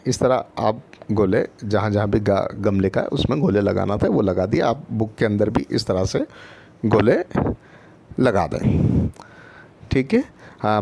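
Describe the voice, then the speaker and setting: A man's voice: on the low side, warm tone. Patient man teaching small children. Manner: patient, repetitive, often checks in with listeners. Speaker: primary school teacher. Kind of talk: online lesson for first graders.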